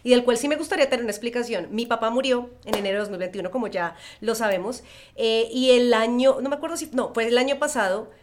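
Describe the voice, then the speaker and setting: A woman co-hosting a casual podcast. Her voice sits a little above the usual pitch, and she tells stories with plenty of "like" fillers and vivid expression. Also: quick pace. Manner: expressive storyteller, many filler phrases. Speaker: podcast co-host.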